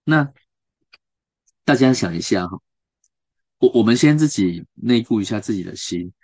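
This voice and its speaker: A radio host, a man with a Taiwanese Mandarin accent, talks through a book in a loose, chatty way. His voice sits low, and he keeps turning to his listeners with questions between fillers and restarts. The sound is close and dry, with no room around it. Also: animated, moderate pace, a little mellow, slightly rough, no room sound. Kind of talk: casual book talk to listeners.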